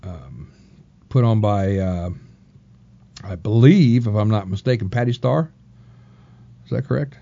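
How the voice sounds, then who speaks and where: A man's voice: fairly low pitch, animated, a little slow, gravelly, long pauses, dark tone. A man hosting a casual podcast, speaking hesitantly with many fillers. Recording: dull lo-fi sound.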